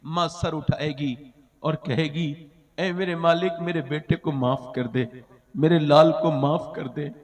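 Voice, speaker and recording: Male preacher, high voice, dramatic storytelling sermon, echoing PA reverb. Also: steady tone, slow pace. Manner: dramatic, swinging from loud cries to hushed lines, half-sung phrases.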